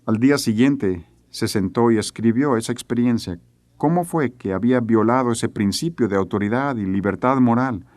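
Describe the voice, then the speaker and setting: A man's voice: mid-range voice, moderate pace, a little mellow, no echo. A middle-aged man teaching a sermon, telling a family story earnestly and acting out the voices he quotes. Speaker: preacher.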